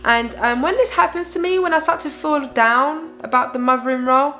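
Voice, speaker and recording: Exhausted young mum venting, in a higher-pitched voice. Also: female voice, a little fast, pushed and bright, faint music behind. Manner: exhausted, weary parent venting candidly. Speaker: parenting vlogger and host, mother of a baby. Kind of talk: casual confessional chat to viewers.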